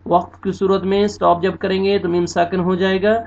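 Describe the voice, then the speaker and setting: A man teaching Quran recitation rules. He spells out letters and vowel marks one by one, patiently corrects mistakes, and recites words in a drawn-out way. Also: high voice, little pitch movement, creaky, a little mellow, highs cut off. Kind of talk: tajweed lesson.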